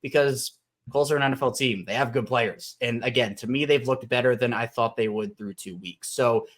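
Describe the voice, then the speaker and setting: A man's voice: medium pitch, moderate pace, a bit bright. A man hosting a sports podcast, chatting casually about football and thinking aloud with frequent restarts. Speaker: podcast host. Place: Baltimore.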